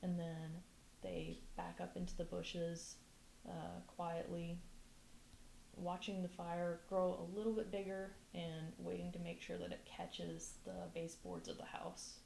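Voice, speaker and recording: Low slow lady dm narrating a tabletop game, kinda gravelly, echoey room. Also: a little hiss or hum. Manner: relaxed, with frequent ums and giggles. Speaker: game master.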